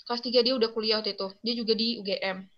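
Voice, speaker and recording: A woman's voice: fairly high pitch, steady tone, very fast, crowd noise. A young woman telling a personal story in casual chat, rambling with many fillers. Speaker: interviewee. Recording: muffled lo-fi recording.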